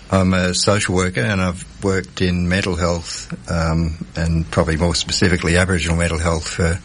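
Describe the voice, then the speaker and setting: A middle-aged man from Perth with an Australian accent, a social worker guesting on a studio radio interview, speaking in a measured, thoughtful way. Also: low-pitched, flat delivery, slight background noise. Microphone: studio mic.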